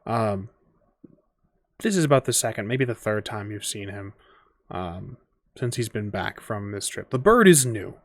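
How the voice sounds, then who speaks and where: A man's voice: on the low side, lively intonation, unhurried, pauses often, no echo, clean studio sound. A man narrating as game master of a tabletop game, loose and thinking aloud with many fillers.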